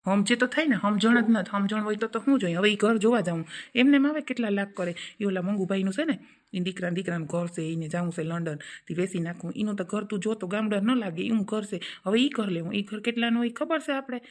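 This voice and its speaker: A woman's voice: mid-range voice, quick pace, a little mellow, close to an everyday voice. A woman playing a middle-aged sister-in-law who nags and complains in a comic family sketch. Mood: complaining. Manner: complaining, scolding.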